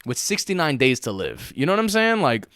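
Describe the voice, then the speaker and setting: A man in his late twenties co-hosting a podcast, chatting casually in an animated, profane, slangy way. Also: a little high, fairly quick. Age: late 20s. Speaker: podcast co-host.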